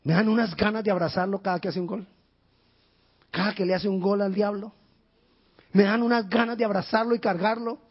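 A male pastor preaching a sermon with passion, rising to shouts and dropping to near whispers. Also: steady tone, a little fast, pauses often, slightly rough. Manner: impassioned, shouting in bursts then dropping low. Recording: dull lo-fi sound.

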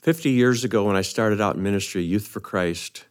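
Older guy pastor, really low voice, telling a story on a podcast, pokes fun at himself. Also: a little fast.

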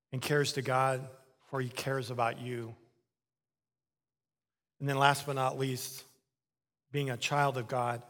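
A man preaching a sermon as a pastor, animated and emphatic, repeating phrases to drive them home. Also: mid-range voice. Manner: animated, acts out little dialogues, repeats for emphasis. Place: church sanctuary. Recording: long reverb of a large hall.

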